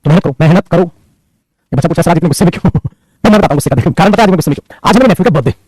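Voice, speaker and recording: A man's voice: on the high side, very fast, darkish tone, breathy edge, dry recording. A young man teaching an online grammar class, lecturing his students sternly and then explaining answers patiently. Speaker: English teacher.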